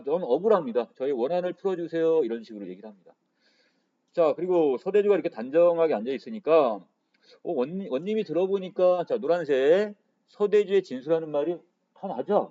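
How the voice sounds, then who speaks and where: Animated Korean literature teacher, dull lo-fi audio. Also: male voice, a little high. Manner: frequent "자" fillers, asks students questions then answers them. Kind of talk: exam prep lecture.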